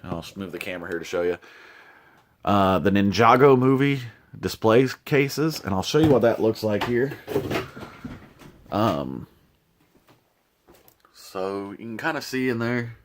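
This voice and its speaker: Casual vlogger, man, lowish voice, loose and rambling, filler-heavy, filmed at home. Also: unhurried, pauses often, a little hiss or hum. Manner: relaxed, rambling with many fillers. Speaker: toy collector vlogger. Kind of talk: casual show-and-tell vlog. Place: home collection room.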